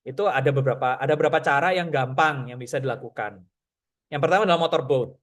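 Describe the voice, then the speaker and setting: A man teaching public speaking in a casual, chatty way, often pausing on fillers and acting out breathing and lip-trill exercises. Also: mid-range voice, fairly bright tone. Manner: chatty, filler-heavy, demonstrates breathing and sounds; says he has a radio announcer's voice. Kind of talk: casual online workshop lesson.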